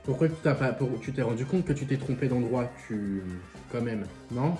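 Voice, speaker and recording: A man's voice: mid-range voice, moderate pace, loud music behind the voice. A young man with a French accent chatting casually and sassily while eating, swearing freely and talking with his mouth full. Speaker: vlogger reacting to viewer stories.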